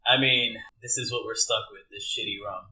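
A man voicing a boozy, roguish sailor in a tabletop game, talking quietly and wryly. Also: medium pitch, steady tone, a little fast, recorded from a distance, low-quality recording.

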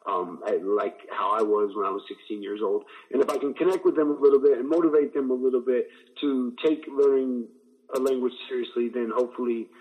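A man's voice: medium pitch, steady tone, a little fast, narrow, tinny audio. A man from Indiana, a guest on a radio show, answering at length with many fillers and restarts. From Indiana, USA. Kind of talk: casual interview answers.

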